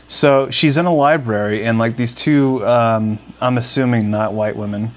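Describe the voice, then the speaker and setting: A man's voice: medium pitch, moderate pace. Rambling young male podcast co-host. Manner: rambling, many restarts and fillers. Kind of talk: casual chat.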